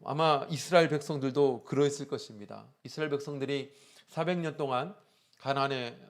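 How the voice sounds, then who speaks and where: A man's voice: mid-range voice, fairly quick. Man preaching a storytelling sermon. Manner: storytelling, frequent "uh" fillers, rising emphasis. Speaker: pastor. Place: church.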